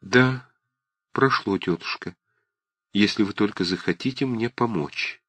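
Brief: soft-spoken devout girl, hushed and restrained, dry close read, a male narrator putting her on. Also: lowish voice, measured pace, breathy edge, dry recording. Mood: pleading. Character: quiet, devout young woman, gentle and restrained. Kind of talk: audiobook character reading.

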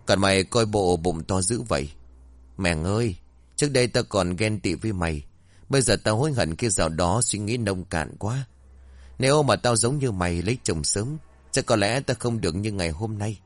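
A man's voice: fairly low pitch, lively intonation, normal speed, no echo, close to an everyday voice. A man doing Méng, a smug, boastful village girl. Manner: smug, mocking and sharp-tongued. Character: vain, boastful young village woman.

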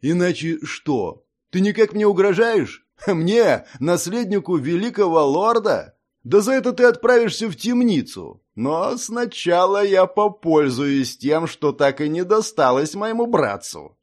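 A man voicing an arrogant, sneering young noble heir who mocks and laughs in a higher, louder voice. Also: very animated, measured pace. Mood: menacing. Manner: mocking, laughing, leering.

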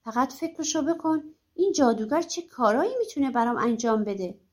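A woman's voice: on the high side, lively intonation. A woman voicing a crafty peasant man who tricks others in a folk tale. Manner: playful, crafty tone. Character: sly, cheerful young peasant man.

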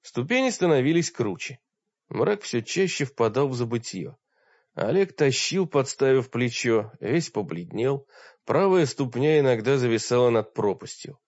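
A man narrating an audiobook in a steady storytelling manner. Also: medium pitch, normal speed, no room sound. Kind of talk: scripted narration. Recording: dull dry recording.

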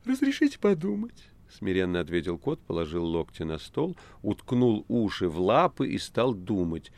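Male narrator, deep voice, lively pitch, dry studio sound. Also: moderate pace, no echo. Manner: expressive, lively storytelling. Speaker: audiobook narrator. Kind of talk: scripted narration.

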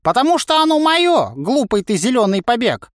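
A man voicing a grumpy old four-armed male spear trainer who talks in a gruff, scolding way. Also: very high-pitched, sing-song, moderate pace, no echo, clean studio sound, pitched above the performer's own voice.

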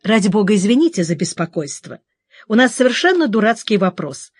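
Audiobook: woman doing a wry, self-mocking woman detective, lively pitch, dry close read. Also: a little fast, slightly rough, no room sound. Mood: mock-embarrassed. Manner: wry inner monologue, mock-suffering. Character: wry, tough woman detective in her forties. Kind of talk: audiobook character voice.

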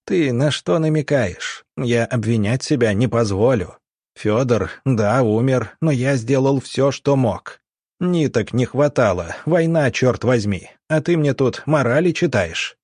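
A man voicing a smug, scheming military doctor who wheedles and snarls, with a husky voice. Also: medium pitch, lively intonation, measured pace, darkish tone, no echo, studio quality. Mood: snarling.

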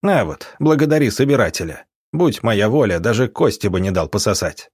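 Brief: a man voicing a gruff sneering captain, raised and loud, audiobook, dry close sound. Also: on the low side, animated, fairly quick, no echo.

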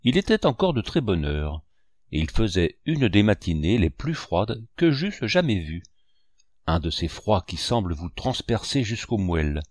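A man reading a novel aloud with measured, expressive storytelling. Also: fairly low pitch, no echo, clean studio sound. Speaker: audiobook narrator. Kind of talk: scripted audiobook narration.

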